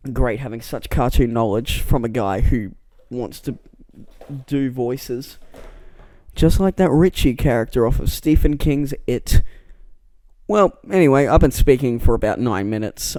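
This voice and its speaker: This vlogger, a man with a mellow mid-range voice, talks in a self-deprecating, meandering monologue from an indoor room, frequently tripping over and restarting words. The close microphone catches plosive pops, with no echo in the sound.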